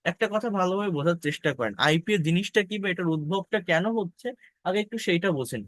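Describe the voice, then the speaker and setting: A man's voice: high-pitched, lively intonation, fast talker, a bit bright, no room sound. A man teaching an English pronunciation lesson, explaining patiently, repeating key points and speaking directly to his viewers. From Bangladesh.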